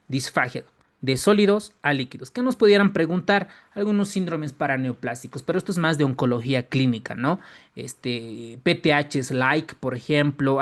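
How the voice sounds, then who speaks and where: Man lecturing, emphatic and repetitive. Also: mid-range voice. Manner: repeats key phrases, tags lines with "¿no?" and "¿ok?"; lively, emphatic rises on key terms. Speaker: medical exam-prep lecturer. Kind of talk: online medical lecture.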